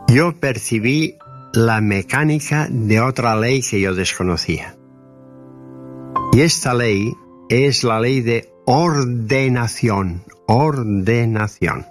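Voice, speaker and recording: A man gives a slow, earnest spiritual talk, explaining his ideas deliberately. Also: mid-range voice. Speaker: spiritual speaker.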